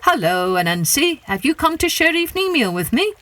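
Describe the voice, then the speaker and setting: A woman's voice: sits high, big pitch swings, a little fast, a bit bright, pitched above the performer's own voice. Woman playing a polite, lilting storybook turtle. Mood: courteous. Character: mild, polite male turtle visitor in a trickster tale.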